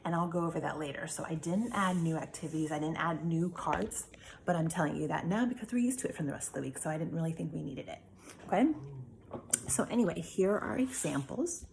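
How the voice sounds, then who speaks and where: A woman's voice: on the low side, normal speed, creaky, darkish tone, slight background noise. A woman teacher giving a remote phonics lesson, patiently asking questions and answering them herself. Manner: patient, asks and answers her own questions.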